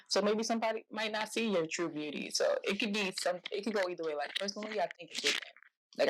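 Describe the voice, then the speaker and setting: A woman's voice: fairly low pitch, low-quality recording. A young woman talking as an interview guest, a hairstylist and fashion entrepreneur, speaking expressively and casually with lots of "like" fillers. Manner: expressive, chatty, many "like" fillers.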